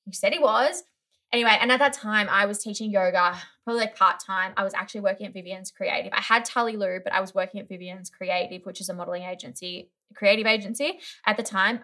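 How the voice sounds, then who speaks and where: A young woman chatting casually as a guest, telling a story animatedly with lots of "like" and acted-out voices. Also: medium pitch. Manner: animated storyteller, many "like"s, acts out others' voices. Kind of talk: casual chat.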